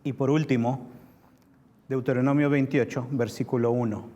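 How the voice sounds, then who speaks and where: A male pastor preaching a sermon emphatically, stressing key words slowly, repeating them and speaking straight to his listeners. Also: medium pitch, steady tone, mellow.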